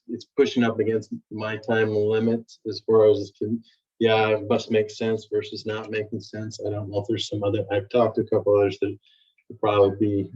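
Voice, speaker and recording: Distant, muffled, mellow-voiced man. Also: on the low side. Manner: hesitant, trailing off. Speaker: public commenter. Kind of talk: spontaneous public comment. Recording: distant, muffled remote-call audio.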